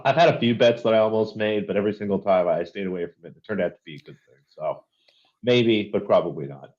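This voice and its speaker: Deep-voiced man on dull lo-fi audio. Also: fast talker, darkish tone. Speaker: podcast co-host. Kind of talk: casual sports betting chat.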